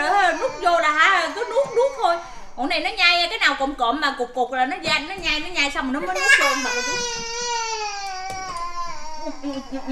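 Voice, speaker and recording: A mother telling a family story in a casual vlog, animated and full of exclamations. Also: very high voice, echoey room, heavy background noise.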